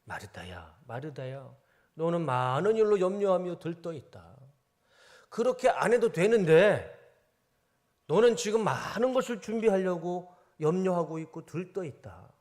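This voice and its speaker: A male pastor voicing a gentle teacher calming a worried woman, in a sermon retelling. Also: sits high, a little slow, pitched above the performer's own voice.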